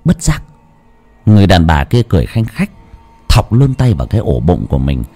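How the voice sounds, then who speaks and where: A man narrating a village ghost story in a hushed, dramatic manner. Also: sits low, big pitch swings, quick pace.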